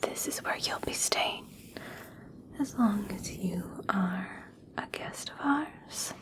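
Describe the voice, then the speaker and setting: A woman voicing a kind, reassuring young elf princess in a soft, breathy, soothing whisper for an ASMR personal attention roleplay. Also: mid-range voice, expressive. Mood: soothing, caring. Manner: slow, gentle, soothing, hushed.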